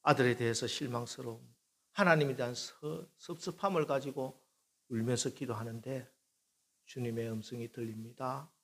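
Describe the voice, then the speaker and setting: A middle-aged man preaching a sermon as pastor, carrying a long story and voicing its prayers and conversations himself. His voice sits at a middling pitch with a husky, slightly breathy edge. He swells louder and higher at the emotional peaks. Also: moderate pace. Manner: acts out quoted prayers and dialogue, voice rising with emotion.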